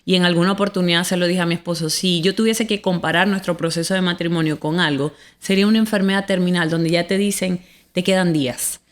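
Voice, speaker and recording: A woman's voice: on the low side, fairly even intonation, quick pace. A woman co-hosting a faith podcast, sharing an earnest, reflective testimony about her marriage in a casual way. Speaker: podcast co-host.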